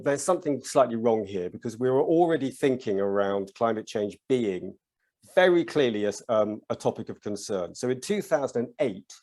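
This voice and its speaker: British guy on a panel, chatty storytelling, lots of ums, ordinary middle pitch. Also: darkish tone. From United Kingdom. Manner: chatty, anecdotal, frequent ums and restarts. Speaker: orchestra association leader on a panel. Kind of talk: conference panel talk.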